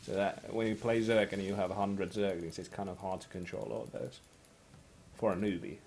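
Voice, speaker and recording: A man chatting casually about video games with a sarcastic streak and sudden loud outbursts while he plays. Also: deep voice, normal speed, a little hiss or hum. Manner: excitable, sarcastic, bursts into loud shouts. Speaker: co-host playing a game. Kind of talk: casual gaming chat.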